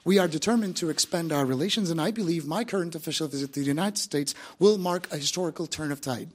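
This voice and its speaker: A man interpreting a formal statement as a translation voice-over, speaking in a measured official manner. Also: on the high side. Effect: translation voice-over of a speech.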